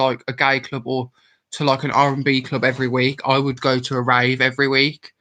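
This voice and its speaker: Hosting a laid-back livestream, a drunk young man from Worcestershire, England rambles and chats in a West Midlands accent. His voice is medium-pitched with a sharp edge, and he reads viewer comments out loud and responds to them.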